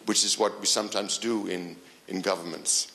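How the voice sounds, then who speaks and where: A man's voice: low-pitched, fairly even intonation, normal speed, pushed and bright. A man from government asking a panel a question, hesitating and repeating words. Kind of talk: conference Q&A question.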